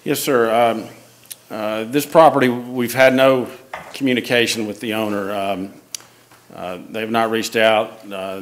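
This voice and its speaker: A city official, a man, reporting on properties to a council in a plain, hesitant way with many fillers. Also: fairly low pitch. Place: council chamber.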